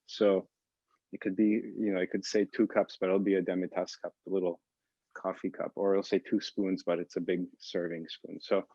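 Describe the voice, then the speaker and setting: A man who grew up in the Boston area, a pastry chef casually explaining recipes to an online audience, relaxed with many fillers. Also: deep voice, moderate pace, no room sound, lo-fi sound. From Boston area, United States.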